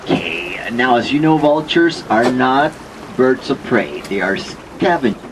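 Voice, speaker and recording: A man's voice: medium pitch, expressive, a little slow. A man guiding a wildlife tour on a river boat, giving live commentary in a playful, joking way. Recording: busy voices and boat noise behind.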